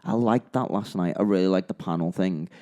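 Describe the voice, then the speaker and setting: A man's voice: low voice, fairly quick, mellow. A British man in casual podcast chat as co-host, rambling and repeating "yeah" and "you know".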